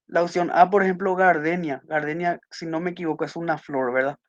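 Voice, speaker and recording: A man's voice: fairly high pitch, fairly even intonation, brisk, no echo. A man teaching a class, patiently going over test answers and repeating key points with little checking questions. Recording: muffled dry lo-fi audio.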